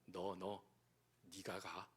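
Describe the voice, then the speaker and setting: A pastor putting on the deep, stern voice of God. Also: male voice, completely flat delivery, extremely slow, breathy edge, full character voice. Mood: commanding.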